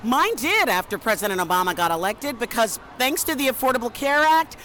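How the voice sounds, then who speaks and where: A woman's voice: a little high, very animated, a little fast, fairly bright tone, slight background noise. A woman host doing chatty street interviews, asking direct questions. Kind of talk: roving interviews at a march.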